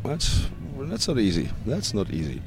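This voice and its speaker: This punk band singer, a man with a German accent, responds to an interviewer with hesitation, frequent restarts, and quiet laughter. He speaks at a moderate pace in a lowish voice that swings hugely in pitch.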